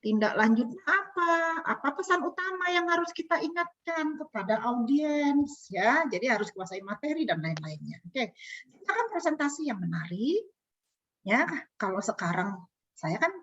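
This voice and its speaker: A woman with an Indonesian accent coaching a group online, asking them questions in a lively teacherly way. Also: on the high side, normal speed, breathy edge. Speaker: communication coach. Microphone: video call. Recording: dull lo-fi video call audio.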